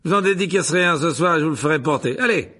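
A man's voice: fairly high pitch, expressive, racing, pushed and bright, pitched above the performer's own voice. Lockhart, a man doing a vain showy wizard. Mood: boastful. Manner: boastful, breezy, with little laughs.

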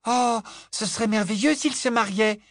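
A man's voice: high-pitched, moderate pace, no room sound, clean studio sound, voice pushed up. A man voicing a dreamy, delighted little girl in an audiobook reading. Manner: rapturous, soft. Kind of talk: audiobook character voice.

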